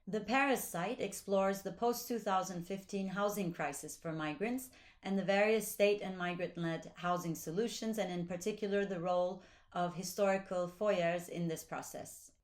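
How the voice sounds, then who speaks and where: A woman giving scripted narration for a research project video in an even, formal reading. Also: medium pitch, normal speed.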